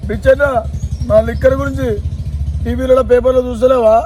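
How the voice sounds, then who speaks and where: A high-voiced, wailing liquor lover, played by a man in a village comedy sketch. He speaks with a Telangana Telugu accent and pleads in long, rambling complaints. Faint noise sits under the voice. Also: little pitch movement, fairly quick, darkish tone. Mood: lamenting. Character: grieving man lamenting his beloved liquor.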